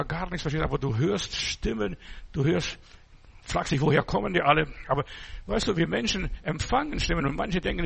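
Gravelly husky man preaching. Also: on the high side, a bit bright. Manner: asks rhetorical questions and addresses listeners as "du"; tells personal anecdotes. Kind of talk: informal sermon.

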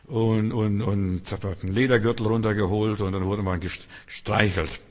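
A man's voice: on the low side, fairly even intonation, moderate pace, big-room sound. A man preaching a sermon, earnest and exhorting, speaking straight to the listener.

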